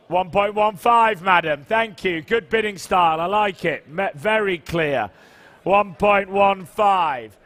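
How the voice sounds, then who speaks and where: A man's voice: sits high, a bit bright. A man working as an auctioneer, calling and repeating bids and coaxing bidders in a live sale.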